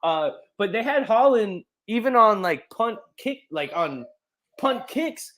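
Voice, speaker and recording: A young man co-hosting a casual sports podcast, excitable and rambling with lots of fillers. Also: high voice, takes it slowly. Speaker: podcast co-host.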